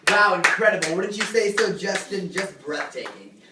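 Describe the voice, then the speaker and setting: A teenage girl lightly acts the part of a showy, fawning host in an amateur talk-show skit, gushing at her guests. Her mid-range voice is expressive at a moderate pace, though the echoey room and distant mic add faint noise.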